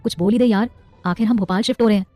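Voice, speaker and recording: A woman's voice: mid-range voice, rapid-fire, warm tone, no echo, faint music behind, lightly acted. A woman voicing a playful young man who teases his friend. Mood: teasing. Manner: teasing, playful. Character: joking young man, loyal teasing friend.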